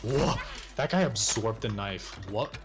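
A man playing a shooter game with friends, making quick tactical callouts and swearing now and then. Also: on the low side, over music. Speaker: teammate. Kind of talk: casual gaming callouts. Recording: gunfire from the game behind.

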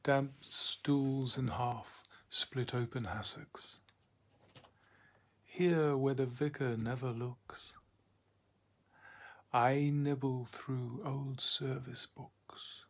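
A man reading verse in a breathy, husky voice, often dropping to a near whisper. He takes it very slowly, leaving long pauses between lines. His pitch sits in the middle of the range. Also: steady tone. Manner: hushed, half-whispered delivery; slow, deliberate phrasing with long pauses. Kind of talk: poetry recitation.

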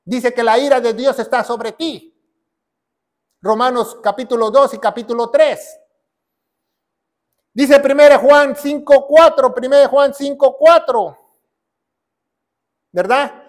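A man preaching a sermon as a pastor. He asks questions, answers them himself, repeats key phrases and rises to shouts. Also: very high-pitched, slow pace, long pauses.

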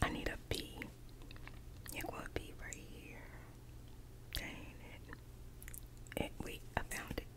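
A woman's voice: slow, pauses often. Whispering woman, whispered role-play ASMR. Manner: chatty whispered asides while solving a word search. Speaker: ASMR creator. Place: indoors at a table. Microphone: close mic over a tabletop.

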